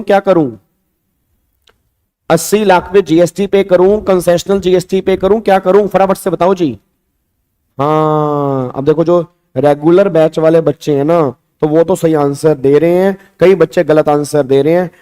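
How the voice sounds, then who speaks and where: High-voiced man, mellow tone, lecturing, repeats questions, scolds and hurries students. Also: steady tone, normal speed, smooth. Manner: acts out examiner and students in quoted lines. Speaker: tax teacher. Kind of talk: online exam-prep lecture.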